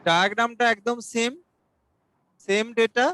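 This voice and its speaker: A male mathematics teacher giving an exam-prep lesson, explaining each step slowly and reading questions aloud. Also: extremely high pitch, sharp tone, smooth, no echo, rough recording. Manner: asks students for doubts.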